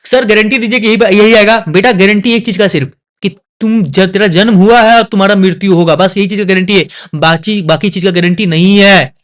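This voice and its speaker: A young man teaching an exam revision lesson, asking his students quick questions and coaxing and scolding them. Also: high voice. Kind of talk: casual online exam lesson.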